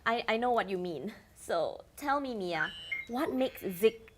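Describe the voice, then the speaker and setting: A woman's voice: a little high, expressive, a little slow, background noise. A woman playing a glib, vain male talk-show host in a scripted satire, wisecracking and stammering. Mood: flustered.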